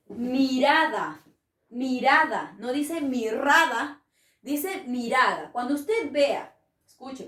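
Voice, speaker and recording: A woman's voice: fairly high pitch, a bit bright, far from the mic. A woman teaching a spelling lesson to children, patient and coaxing, often asking the class questions. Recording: echoey room, voice from off-mic.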